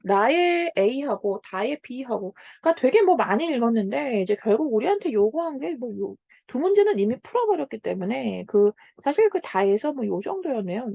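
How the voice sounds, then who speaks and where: A woman lecturing on a literature passage in a somewhat high, mellow voice. She paraphrases the text as she goes, dropping in frequent "자" and "음" and checking that her students follow. The sound is dry and close. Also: gravelly, no echo. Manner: explains by paraphrasing the text, with many "자" and "음" fillers; asks students to confirm understanding. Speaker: Korean literature teacher.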